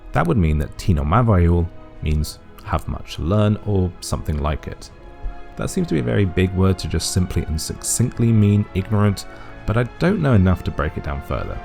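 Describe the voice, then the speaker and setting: A man with a low, creaky, slightly mellow voice narrates a methodical video essay, an analytical voice-over explainer. He reasons aloud and offers cautious, speculative guesses.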